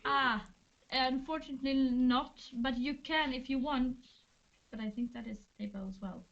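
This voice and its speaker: A woman's voice: sits high, moderate pace, fairly bright tone, muffled recording. A woman, a band member hosting a casual livestream Q&A, chatty and hesitant, often laughing. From Sweden.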